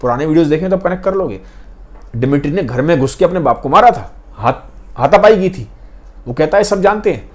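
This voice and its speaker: A man casually retelling a novel's story, animated, slipping English phrases into his speech. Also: on the high side, a little fast.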